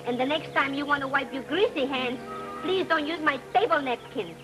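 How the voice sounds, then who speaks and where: A woman's voice: high voice, moderate pace, lightly acted, poor audio. An actress playing a coy, curious young woman who asks playful, teasing questions. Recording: 1940s film soundtrack with music.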